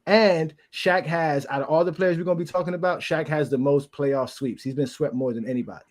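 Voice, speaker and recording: A man leading a casual sports debate, rattling through his points at speed and laughing easily. His voice sits a little high for a man. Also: fairly even intonation. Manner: talks fast, laughs often. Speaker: sports talk show host.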